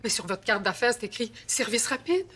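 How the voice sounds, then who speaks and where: Woman doing a prim french teacher, kinda high, very precise about diction. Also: expressive, a little fast, background noise, lightly acted. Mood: fussy. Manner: precise, correcting diction, insistent. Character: fussy, prim middle-aged female French teacher. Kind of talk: TV drama acting. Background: background music.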